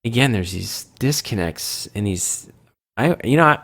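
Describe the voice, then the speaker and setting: A man's voice: medium pitch, animated, unhurried, a bit bright. Rambling sick man hosting a chat. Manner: rambling, self-mocking, loses his train of thought. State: sick with a cold. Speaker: gaming show host. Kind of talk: casual chat.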